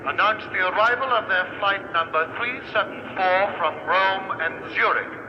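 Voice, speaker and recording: A man playing an airport announcer, making formal, measured announcements over a public-address loudspeaker in a radio drama. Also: high voice. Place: busy airport terminal. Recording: echoey, muffled loudspeaker in a big hall, noisy.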